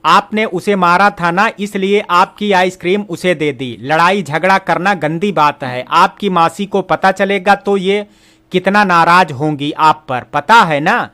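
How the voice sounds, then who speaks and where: A man's voice: high voice, a little slow, bright, forceful tone. A man voicing a kind, patient grandfather who coaxes and soothes a child in an audio story. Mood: fond. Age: older. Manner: soothing, coaxing. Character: gentle doting grandfather.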